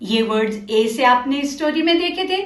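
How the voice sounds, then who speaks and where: A woman teacher giving a children's reading lesson, speaking slowly and deliberately and asking learners questions with pauses to think. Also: sits high, expressive. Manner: slow, deliberate, drawn-out words for young learners. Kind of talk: children's literacy lesson, mixing Hindi and English. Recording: roomy echo.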